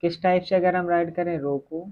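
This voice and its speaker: A man teaching a Hindi grammar lesson for exam preparation, often asking questions and answering them himself, and slowing down to dictate as he writes. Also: high-pitched, steady tone. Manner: repetitive questioning, answers his own questions; slow dictation while writing. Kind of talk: online exam-prep lesson. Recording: tinny phone-like audio.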